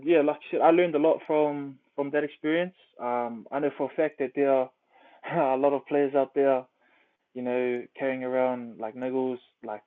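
A young man with a New Zealand accent, a rugby player chatting casually as an interview guest, laid-back with lots of fillers. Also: medium pitch. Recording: tinny phone-like line.

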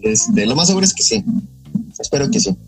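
A man's voice: mid-range voice, lively intonation, fairly quick, soft background music. A man with a Mexican accent co-hosting a podcast in casual, slangy conversation. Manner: informal, slangy. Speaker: podcast host. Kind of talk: casual chat.

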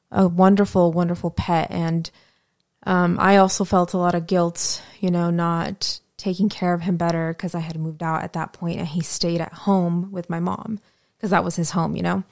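Low-pitched woman speaking hesitantly. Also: creaky, a little mellow, dry recording, clean studio sound. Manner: hesitant and reflective, many pauses and fillers. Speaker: guest, host's fiancée. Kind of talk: personal conversation.

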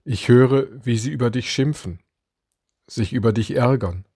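A man reading an Advent devotion aloud as a preacher, slow and deliberate, giving quoted lines some drama. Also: medium pitch, mellow, slightly rough, dry recording, studio quality.

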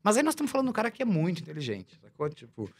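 A man, a musician guest in a casual chat, talking in an animated, slangy, emphatic way. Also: sits high, racing, slightly rough.

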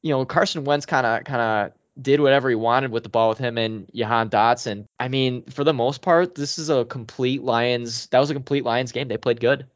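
A man hosts a sports podcast in a casual, upbeat, conversational way with short emphatic bursts. His voice sits at a middling pitch. The recording is dry and a little dull, like a modest close mic. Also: moderate pace, few pauses, dry recording. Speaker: podcast host. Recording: slightly dull lo-fi mic sound.

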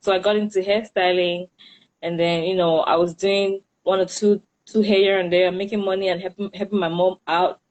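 A woman's voice: fairly low pitch, level tone, normal speed, darkish tone, poor audio. Cameroonian-accented woman in a casual interview. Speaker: interview guest, hairstylist and entrepreneur.

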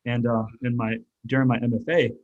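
Speaking briskly at medium pitch with a level tone, a man who grew up in Germany and speaks German natively fields interview questions about his work as an author and artist. He rambles and reflects, restarting often and filling pauses, in a casual interview. The sound is phone quality.

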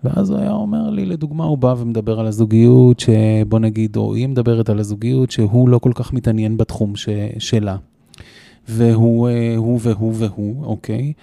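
A man's voice: medium pitch, vocal fry, mellow, dry recording, clean studio sound. A man hosting a podcast interview, asking long rambling questions full of fillers. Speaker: podcast host.

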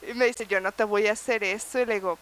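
A woman's voice: medium pitch, steady tone, fast, fairly bright tone, a little hiss or hum. A young woman with a Mexican accent, telling a story in casual chat. She swears freely and animates the tale with laughter.

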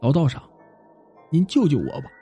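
A man voicing a kind, childless middle-aged lady, speaking in a lowered, earnest tone. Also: huge pitch swings, moderate pace, dark tone, breathy edge, highs cut off, soft background music, exaggerated voice. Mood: pleading.

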